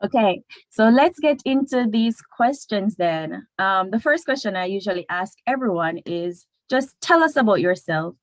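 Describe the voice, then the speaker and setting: A woman's voice: mid-range voice, expressive, moderate pace, hardly any pauses, no room sound. A Jamaican woman hosting an interview in an upbeat, encouraging way. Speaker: host.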